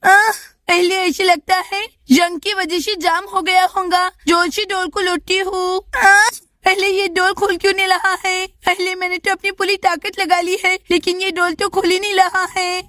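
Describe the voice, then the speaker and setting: A frightened little schoolgirl doll from a storybook cartoon, as a woman puts her on. She sounds very high and bright, with a flat, unvarying melody, and keeps pleading for help in an anxious way. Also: moderate pace, no echo. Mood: worried, pleading. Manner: anxious, pleading, calls out again and again. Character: scared little schoolgirl doll locked in a toilet.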